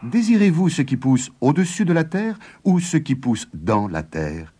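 A man's voice: fairly high pitch, very animated, a little slow, warm tone, slightly rough, pitched above the performer's own voice, full character voice. A man voicing a clever, practical farmer's wife in a storybook. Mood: shrewd.

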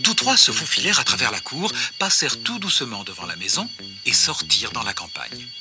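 A man reading a children's story aloud with expressive narration. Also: medium pitch, a little fast, over loud music. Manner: expressive, gently paced narration.

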